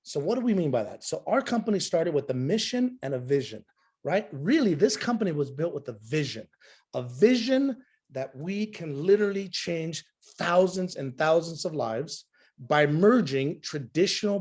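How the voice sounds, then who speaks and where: A middle-aged man gives a sales presentation on a video call, his delivery emphatic and repetitive. His voice sits on the high side, slightly mellow, and has gone hoarse from constant talking.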